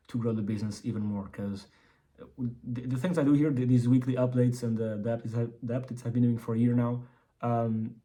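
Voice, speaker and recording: Mellow-voiced man speaking with braces. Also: mid-range voice. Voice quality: slightly impeded articulation from wearing braces. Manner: rambling, repeats and restarts words. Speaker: entrepreneur vlogger. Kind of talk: casual business update vlog.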